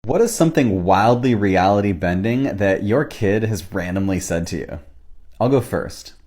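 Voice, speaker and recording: A man's voice: on the low side, darkish tone, husky. A man reading viewer comments aloud in an amused, chatty way for a social media video. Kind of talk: casual social media talk.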